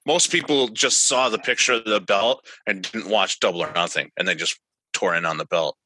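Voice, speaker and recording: Frat bro dude, kinda low bright punchy voice, sweary casual podcast chat, dry sound. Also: male voice, moderate pace, dry recording, rough recording. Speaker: wrestling podcast co-host. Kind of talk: casual, profane wrestling chat.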